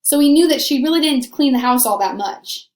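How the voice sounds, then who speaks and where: In an echoey room, a female primary teacher with a high, expressive voice leads a brisk, conversational read-aloud discussion. She repeats key points and poses questions to her pupils.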